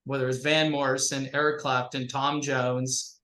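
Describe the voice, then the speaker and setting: A man hosting a casual interview over a thin, tinny microphone with no bass, talking in a rambling, halting way full of fillers. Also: little pitch movement, bright, forceful tone. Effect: thin tinny microphone sound with no bass. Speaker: interview host. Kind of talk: casual video-call interview. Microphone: home computer microphone. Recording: tinny mic in an echoey room.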